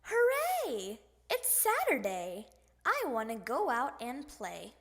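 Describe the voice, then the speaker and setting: Brief: woman voicing a squeaky, bouncy kid frog, hollers and whines, drawn-out delivery, picture book. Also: huge pitch swings, heavily acted. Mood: excited. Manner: loud, whiny hollering. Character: excitable young boy frog. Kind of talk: picture book read-aloud.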